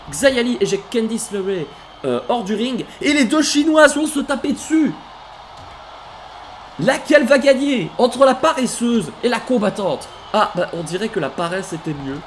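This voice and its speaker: A man calling a wrestling video game match play by play, animated, bursting into shouts at big moves and stopping to correct himself. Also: high-pitched, slight background noise. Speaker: let's play commentator. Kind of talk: excited play-by-play game commentary.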